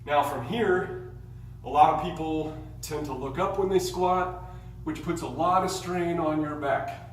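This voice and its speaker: A man's voice: fairly high pitch, unhurried, slight background noise. A male fitness instructor teaching a workout tutorial, cueing steps in short commands and sometimes out of breath. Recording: very echoey room, mic far off.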